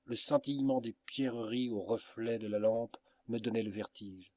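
A man reading a storybook aloud as narrator, in a measured, dramatic manner. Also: mid-range voice, steady tone, mellow, no room sound. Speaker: audiobook reader.

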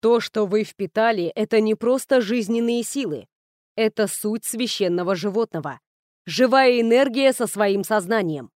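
A woman reading an audiobook, voicing a composed young male noble master in a level, steady tone. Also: a little high, moderate pace, no room sound, clean studio sound, close to an everyday voice. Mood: instructive. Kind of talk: audiobook character voice.

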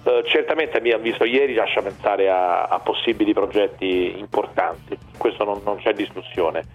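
A man's voice: lowish voice, normal speed, highs cut off, soft background music. A man hosting sports radio in casual joking chat, rambling and repeating his phrases.

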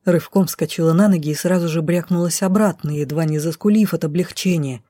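Woman audiobook narrator, expressive first-person reading, mellow voice, dry close sound. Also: on the low side, a little fast, dry recording.

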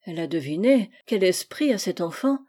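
A woman voicing a gentle, doting mother in a storybook reading, tender and indulgent. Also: fairly low pitch, animated, normal speed.

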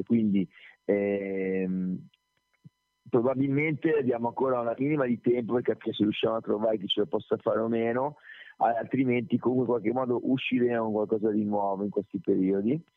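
A man's voice: fairly low pitch, normal speed. A man who sings in a band answers interview questions over a phone call, talking in a loose, rambling way and correcting himself as he goes. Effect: heard over a phone call. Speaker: singer of a band, interview guest. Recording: tinny phone line.

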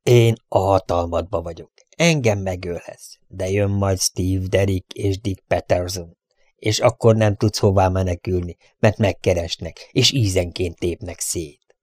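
A man's voice: low-pitched, fairly even intonation, a little mellow, dry recording, studio quality. A man voicing a defiant captive young man. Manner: defiant, hissed.

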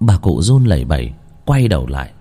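A man narrating a ghost story in a low, hushed, dramatic way. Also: very animated, brisk, husky. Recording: faint music behind.

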